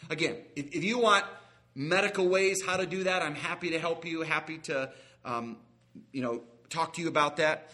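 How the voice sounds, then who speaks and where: A man's voice: on the high side, normal speed, pushed and bright. A man preaching a sermon in an earnest, folksy way, sometimes acting out quoted voices. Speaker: guest preacher.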